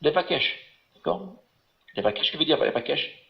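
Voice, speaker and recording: Man, patient Hebrew teacher on a webinar, slightly high voice, dull echoey call audio. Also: lively intonation, moderate pace, creaky. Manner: patient, encouraging, explains step by step. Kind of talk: online class, teaching.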